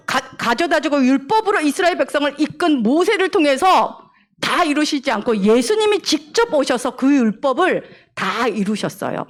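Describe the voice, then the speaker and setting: A woman preacher telling a Bible story to children in an animated sermon, asking them questions and acting out the quoted voices. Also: high-pitched.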